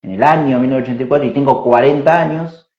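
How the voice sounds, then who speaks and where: A mid-range-voiced spiritual teacher in his forties explains ideas slowly and reflectively, thinking aloud with fillers and tag questions. The recording sounds roomy, dull, and lo-fi.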